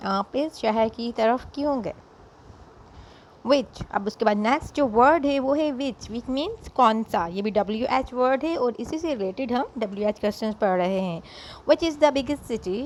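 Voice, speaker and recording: A woman teaching English, saying each sentence slowly twice and then translating it quickly. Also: on the high side, lively intonation, a little mellow. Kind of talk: slow classroom drill for learners.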